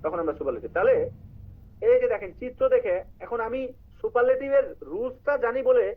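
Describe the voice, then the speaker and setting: A man's voice: extremely high pitch, lively intonation, a little fast. A man teaching an English writing class online, explaining grammar and quizzing his students while mixing in English terms. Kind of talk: live online class lecture. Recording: tinny phone-like line.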